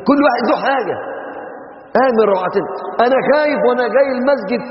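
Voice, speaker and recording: A man with an Egyptian Arabic accent preaching a sermon, animated and emphatic, drawing out his recitations of scripture. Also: very high voice, rapid-fire. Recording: echoey hall, dull lo-fi sound.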